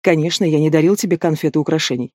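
A man voicing a male demon prince who speaks in an even, cool, teasing way, read as an audiobook character. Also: a little high, racing, no room sound, studio quality, natural voice. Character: calm mocking demon prince, male adult.

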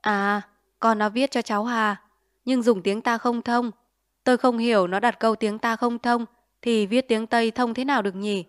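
A woman's voice: fairly high pitch, steady tone, normal speed, clean tone, no echo, studio quality, natural voice. A woman reading a reproachful mother. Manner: questioning, scolding. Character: fussy, reproachful middle-aged mother.

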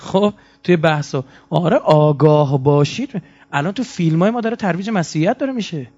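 A man lectures to an audience in a story-telling way. His voice sits a little high, and he acts out the quotes with lively swings. The recording is muffled and lo-fi. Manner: animated storytelling with acted-out quotes. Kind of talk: anecdotal lecture. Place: lecture hall.

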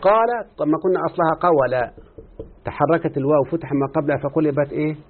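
Egyptian man teaching, tinny husky recording. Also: on the high side, quick pace. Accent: Egyptian Arabic. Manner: questioning students, drawing out answers. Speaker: teacher of Arabic morphology. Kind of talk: classroom lesson explaining grammar.

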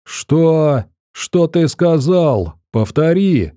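A man voicing a pompous, fussy male station boss who talks in a shrill, indignant, bossy way. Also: very animated, a little slow, mellow, no room sound, studio quality.

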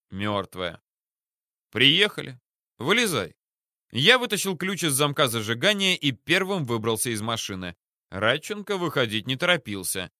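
A man reading a first-person novel aloud in a calm, measured way, with menacing understatement. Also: mid-range voice, no room sound, clean studio sound. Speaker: audiobook narrator. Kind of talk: scripted first-person audiobook narration.

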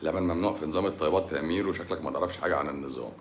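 A man with an Egyptian Arabic accent, a doctor hosting a live stream, ranting at comments in a mocking, combative way that swings between loud outbursts and low muttering. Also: rapid-fire, echoey room, slight background noise. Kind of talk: heated live-stream rant answering comments.

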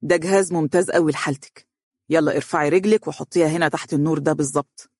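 Reader doing a gentle young male doctor with an Egyptian accent, measured and soothing, dry audiobook sound. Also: mid-range voice, steady tone, no echo, natural voice. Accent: Egyptian Arabic. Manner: soft, reassuring, measured.

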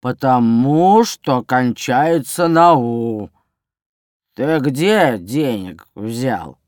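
A man's voice: medium pitch, lively intonation, extremely slow, darkish tone, dry recording, studio quality. An actor playing a lazy mustached kiosk seller in a children's story, who drawls his words and teases in sing-song rhymes. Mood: teasing. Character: lazy mustached kiosk seller, middle-aged man, rhyming joker.

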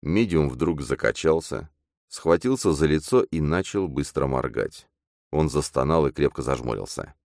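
Male audiobook narrator, very deep voice, measured, dry close sound. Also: dry recording. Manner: steady, measured storytelling.

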